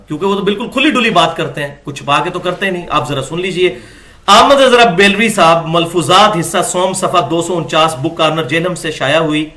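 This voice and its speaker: Male religious lecturer, high and bright-toned, argumentative and full of rhetorical questions. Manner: argumentative, rhetorical questions, rises sharply when indignant.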